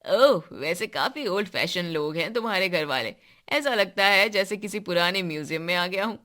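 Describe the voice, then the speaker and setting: A woman's voice: on the low side, expressive, normal speed. Woman doing a mocking teenage boy. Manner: loud, teasing.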